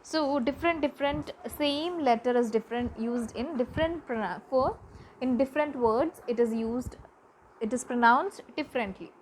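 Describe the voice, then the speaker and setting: A woman teaching a class, slowly repeating words for pronunciation practice. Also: high voice, rough recording. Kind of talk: classroom lesson. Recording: faint background noise.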